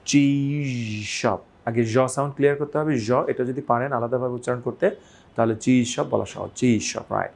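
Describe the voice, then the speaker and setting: A man's voice: medium pitch, gravelly, a little mellow. A man from Bangladesh teaching English pronunciation, who stretches out the example words and often checks with "right?". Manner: drawn-out model pronunciations, frequent "right?". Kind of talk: slow explanatory lesson.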